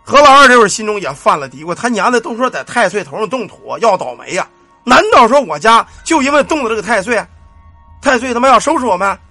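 A man's voice: high voice, sing-song, quick pace, sharp tone, no room sound, faint music behind. A man telling a village ghost story in a colloquial, earthy way, with casual cursing and sound effects. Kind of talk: spoken ghost-story narration.

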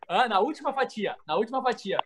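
High-voiced man telling animated stories. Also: fast, a little hiss or hum, low-quality recording. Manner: animated, repeats key phrases for effect. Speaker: guest telling anecdotes. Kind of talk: casual storytelling.

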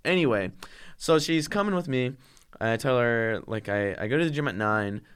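A man's voice: medium pitch, lively intonation, moderate pace, a bit bright, clear, resonant tone. A young man co-hosting a podcast, telling stories in casual chat, swearing freely and laughing as he talks. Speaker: podcast co-host.

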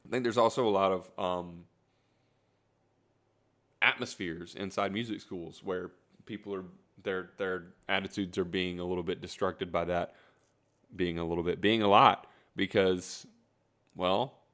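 A man's voice: deep voice, flat delivery, unhurried, long pauses, fairly bright tone. A man hosting his own podcast, talking alone in a rambling, self-correcting, self-deprecating way. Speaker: podcast host. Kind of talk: solo rant, casual monologue.

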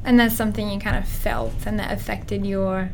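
A woman's voice: medium pitch, flat delivery, moderate pace, faint music behind. A woman hosting a faith podcast, reading the intro and asking interview questions. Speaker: podcast host.

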